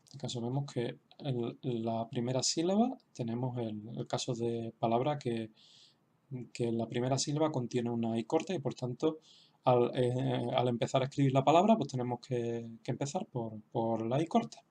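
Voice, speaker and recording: A man explaining a writing lesson slowly, with frequent fillers and restarts. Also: mid-range voice, dark tone. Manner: hesitant, many restarts and fillers; slow, explanatory. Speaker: language teacher. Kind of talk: online lesson.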